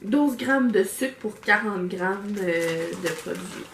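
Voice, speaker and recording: A woman with a Québécois accent talks through an unboxing in a loose, rambling way, full of fillers and restarts. Her voice sits at an ordinary pitch and is picked up by a camera mic. The room is echoey, with a faint hiss of noise behind her. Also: lively intonation, takes it slowly. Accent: Québécois French. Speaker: vlogger reviewing a subscription box. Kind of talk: casual unboxing chat. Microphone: camera microphone.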